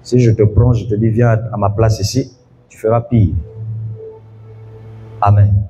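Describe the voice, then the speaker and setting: A man's voice: lowish voice, fairly even intonation, measured pace, mellow, highs cut off, faint music behind. A pastor preaching an evening sermon, telling a story and calling out to his congregation to follow him.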